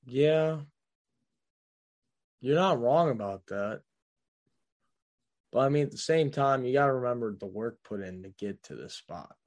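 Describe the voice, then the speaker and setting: A young man co-hosting a casual sports podcast, heated and swearing, swinging from low mumbles to loud rants. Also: expressive, a little slow, long pauses. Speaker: podcast co-host.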